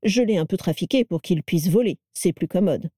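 A woman voicing a cheerful, eccentric witch who gushes in a high, sing-song voice, read in a dry, close audiobook recording. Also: animated, moderate pace, dark tone, husky, dry recording. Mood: enthusiastic.

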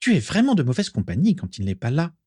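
A man voicing a whiny, easily offended ghost schoolgirl with a squeaky, sing-song voice. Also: wildly swooping pitch, fast talker, mellow, husky, dry recording, clean studio sound, heavily acted. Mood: sing-song teasing.

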